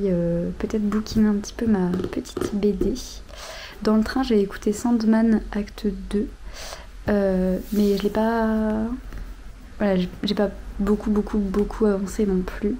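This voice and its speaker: A young woman in her twenties chatting casually about books in a vlog, with many fillers and soft, half-whispered asides. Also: mid-range voice, slight background noise. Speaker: vlogger. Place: outdoors near road traffic.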